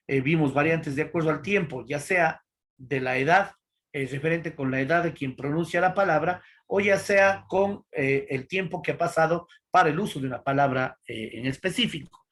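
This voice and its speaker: A man's voice: on the high side, fairly bright tone. Man teaching, full of tag questions. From Ecuador. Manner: explanatory, frequent fillers and tag questions. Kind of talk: online class lecture.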